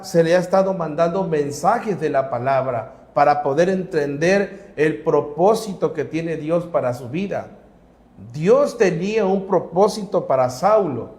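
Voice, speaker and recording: A man with a fairly high voice speaks in a conversational sermon. He asks his listeners questions, and the studio sounds roomy and echoey. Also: darkish tone. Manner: asks the audience questions and answers amen. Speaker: co-host pastor.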